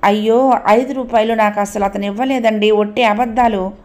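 A woman's voice: mid-range voice, fairly even intonation, normal speed, a little mellow, natural voice. A woman voicing a frightened, helpless young woman who pleads anxiously. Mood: pleading.

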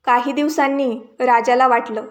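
A woman narrating a devotional folk tale in a steady, measured reading voice. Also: sits high. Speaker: storyteller.

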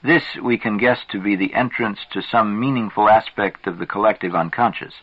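Low husky man reading a book. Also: fairly quick, dry recording. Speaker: reader. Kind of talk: scripted narration of a psychology book. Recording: dull lo-fi dry recording.

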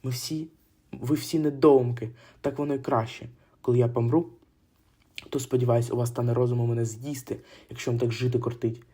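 Man voicing a grumbling bald old man, scornful, muttering, husky, dark and low, audiobook. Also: level tone, brisk, close to an everyday voice.

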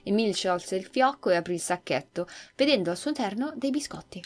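A woman hosting a gaming channel, reading a game's story aloud in an expressive storytelling manner. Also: mid-range voice, fairly quick, faint music behind.

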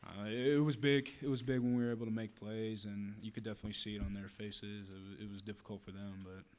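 Fast-talking young linebacker, low flat voice. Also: male voice, slight background noise. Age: young adult. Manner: quick, flat, peppered with "I mean". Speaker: college linebacker. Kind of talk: post-game press conference answers. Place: press room with logo backdrop. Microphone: table mic.

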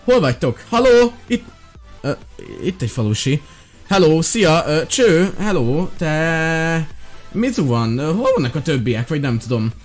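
A man chatting excitedly through his gameplay, his voice fairly high and swinging all over the place. He talks straight to his viewers in a quick, chatty flow, with faint music playing underneath. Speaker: gaming video host.

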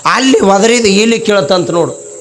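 A man's voice: high-pitched, lively intonation, moderate pace. A man with a North Karnataka Kannada accent preaching a storytelling sermon and acting out the characters' voices. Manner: acts out characters' voices while telling a story.

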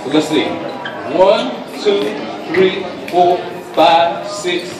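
A middle-aged dance instructor with a low voice counts out steps in a steady call, drawing out his words and joking with the class. He leads a crowd of dancers in a large indoor hall. The recording is echoey and distant, with crowd noise and room ambience behind him.

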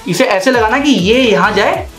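Over soft background music, a young man hosts a relaxed how-to vlog from a desk in a small room, talking away and saying things more than once while his hands stay busy. He speaks at normal speed in a high, slightly bright voice.

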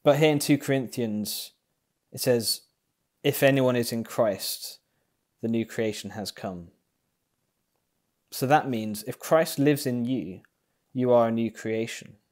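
A man's voice: medium pitch, a little mellow. A young man giving an online sermon from a small room, speaking thoughtfully on an earphone mic. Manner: unhurried, thoughtful, with many ums. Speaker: pastor. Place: small indoor room at home. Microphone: earphone mic, facing camera.

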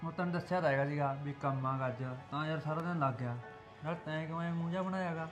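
A man's voice: fairly high pitch, very fast, reverberant, music in the background, close to an everyday voice. A young man from Punjab playing an easygoing husband who defends his wife, coaxing and placating. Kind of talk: amateur village drama acting.

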